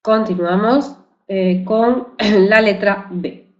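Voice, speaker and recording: A middle-aged woman explains a spelling rule with great patience, repeating each example word. She speaks very slowly and deliberately. The recording sounds dull and lo-fi. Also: medium pitch, darkish tone. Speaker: teacher. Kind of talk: spelling lesson for exam prep.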